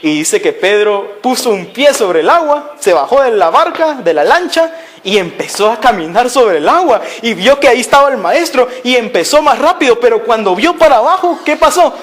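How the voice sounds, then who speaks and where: A man's voice: very high-pitched, big pitch swings, normal speed, a bit bright. A man preaching a sermon, telling a story and asking his listeners rhetorical questions again and again. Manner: acts out voices of people in the story.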